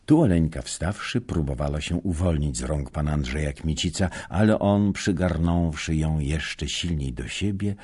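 A man reading a historical novel aloud in a measured, unhurried way. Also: rumbling low, darkish tone, slightly rough. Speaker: audiobook narrator. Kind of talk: scripted narration of a historical novel.

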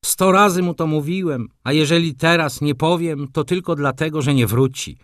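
A man's voice: fairly high pitch, normal speed, fairly bright tone, dry recording, studio quality, voice pushed up, natural voice. A man voicing a brusque, sardonic middle-aged doctor in an audiobook, scolding and ironic.

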